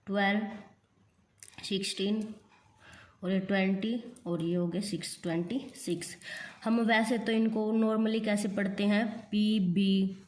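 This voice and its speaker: Slow, even-toned Indian woman teacher. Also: mid-range voice. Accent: Indian English. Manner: slow, patient, spells out letters one by one. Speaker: shorthand teacher. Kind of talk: classroom lesson.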